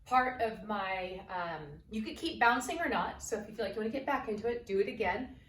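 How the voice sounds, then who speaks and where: A woman yoga instructor leading an exercise lesson, energetic and coaxing, out of breath as she bounces on a trampoline while she talks. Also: mid-range voice, fairly quick, slight background noise. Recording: roomy, distant camera mic, faint ambience.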